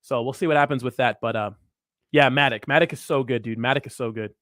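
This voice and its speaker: A man's voice: medium pitch, fast talker, a bit bright, no room sound, studio quality. A man hosting a casual livestream, talking with hyped frat-bro slang and swagger. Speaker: crypto livestream host.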